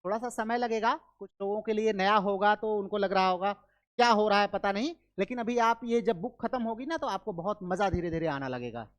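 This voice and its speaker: An Indian woman teaching literature for exams, mixing Hindi with English terms and drilling facts through repetition and quick quiz questions. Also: mid-range voice. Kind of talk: online exam-prep lecture.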